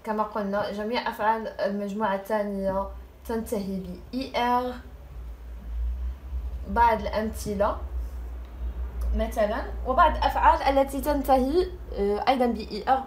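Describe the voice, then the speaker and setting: Young woman, patient French teacher voice with careful, slow pronunciation, a touch high. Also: steady tone, a little hiss or hum. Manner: slow, deliberate spelling-out of French words between Arabic explanation. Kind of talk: grammar lesson.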